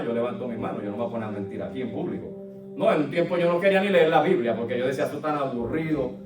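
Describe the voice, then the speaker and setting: A male preacher gives a sermon in a candid, storytelling way. His voice is high for a man and comes from some distance away in a reverberant church. Soft music runs beneath. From Puerto Rico and Colombia.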